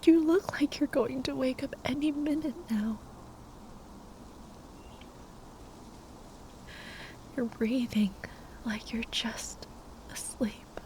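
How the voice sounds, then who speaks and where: In an intimate ASMR roleplay, a woman plays a young sorceress at a bedside, full of tender grief. Her high-pitched voice is hushed and halting and often slips into whispers, with slight background noise.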